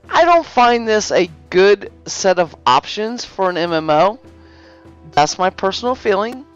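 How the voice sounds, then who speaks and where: Rambling woman narrating game tips. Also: mid-range voice. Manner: rambling, self-correcting, lots of fillers. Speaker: game guide video host. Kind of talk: casual gameplay tutorial narration. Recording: slightly dull lo-fi recording with faint music.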